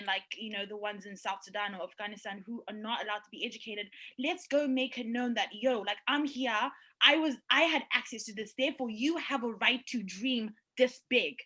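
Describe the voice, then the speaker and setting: A young woman co-hosting a podcast over a video call, talking in an animated, emphatic way and laughing easily. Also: on the high side, brisk, hardly any pauses, rough recording. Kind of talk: casual panel chat.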